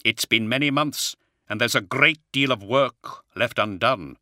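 A man voicing a calm, thoughtful male commander who speaks slowly and deliberately. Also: mid-range voice, dry recording, clean studio sound.

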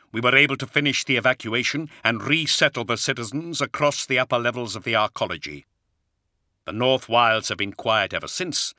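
Calm commander guy, narrator doing him, slow and deliberate, crisp forceful tone. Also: lowish voice, dry recording, clean studio sound. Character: calm, thoughtful male commander.

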